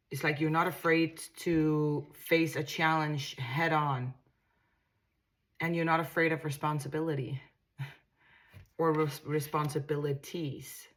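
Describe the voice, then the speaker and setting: A woman with a Danish accent and a low, fairly bright voice does a casual tarot reading to camera. She muses aloud, reassuring the viewer while often repeating herself and restarting her sentences.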